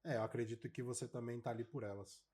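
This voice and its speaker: A man's voice: medium pitch, steady tone, fast, mellow. A man hosting a casual faith podcast, affirming his guest with informal, slangy talk. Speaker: podcast host.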